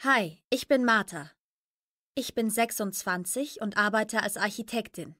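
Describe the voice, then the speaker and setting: A woman's voice: mid-range voice, sharp tone, dry recording. Woman voicing a young architect, language-lesson self-introduction, dry close sound. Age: 20s. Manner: slow, plain self-introduction. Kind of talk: scripted language-lesson monologue.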